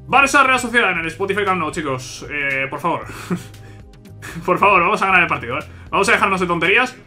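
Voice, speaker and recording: Soft music plays behind a man whose voice sits high and moves fast as he commentates his football video game live for viewers. The gaming YouTuber keeps repeating himself, swearing and complaining the game is unfair, yet erupts into excited shouting whenever a big play happens.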